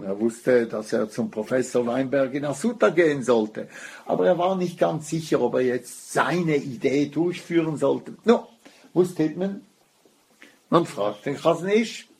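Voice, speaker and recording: Male religious teacher, gravelly and husky, unhurried storyteller who slips into Hebrew quotes. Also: medium pitch, darkish tone.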